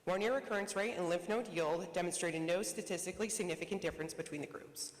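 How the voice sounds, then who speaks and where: Quick scripted conference presenter in a roomy hall. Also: medium pitch. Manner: reads quickly from a prepared script. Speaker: researcher presenting a study. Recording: echoey conference hall reverb.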